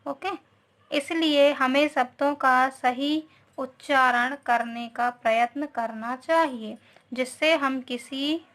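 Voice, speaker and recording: A woman's voice: high-pitched, fairly bright tone. A woman teacher giving a grammar lesson to young children, patiently explaining each word and saying "okay" often.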